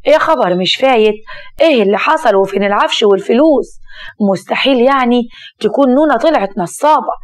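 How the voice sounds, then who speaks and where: Older dad guy, gruff and kinda foolish, a woman reading him in a story, voice on the high side. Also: lively intonation, fairly quick, natural voice. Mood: panicked. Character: foolish older man, stubborn then remorseful.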